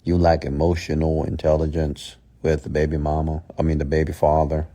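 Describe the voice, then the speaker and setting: A man's voice: extremely low pitch, completely flat delivery, fairly quick, dark tone. A man giving a motivational mindset talk in a blunt, scolding, emphatic way, repeating phrases and posing rhetorical questions. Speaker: motivational speaker and host.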